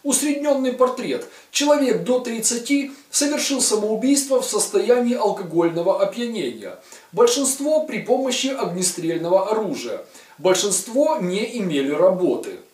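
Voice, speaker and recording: A video blogger in his forties talks to camera with a high, darkish, expressive voice at a moderate pace. His political commentary is sarcastic, delivered with mocking irony and strong emphasis. Recorded in a virtual-set studio, the audio is distant and roomy.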